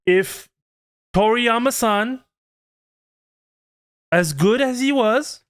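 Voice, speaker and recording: A man's voice: very high voice, extremely slow, fairly bright tone. A man in his twenties, a channel host, giving an earnest, pleading vlog rant. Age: 20s.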